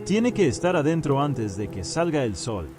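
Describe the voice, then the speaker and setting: A man's voice: mid-range voice, very animated, normal speed, over loud music, lightly acted. A man voicing a frightened, desperate young man in a horror story, with strained, fearful delivery. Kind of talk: dramatized horror story dialogue.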